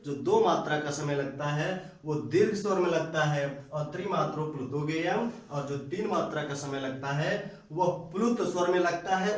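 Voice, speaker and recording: Male teacher, higher voice, patient repetitive lesson delivery, recorded in a very echoey room from a distance. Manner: explains step by step, repeating phrases slowly. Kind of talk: classroom grammar lesson. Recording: very echoey room, mic far off.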